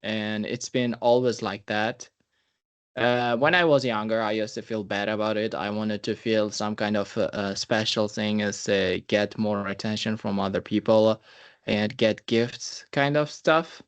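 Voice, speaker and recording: A young man in his twenties hosts a casual podcast, speaking in a fairly low voice. He talks slowly and earnestly, reflecting as he goes and offering advice like an older brother. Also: fairly even intonation, clean tone. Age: 20s. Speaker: podcast host.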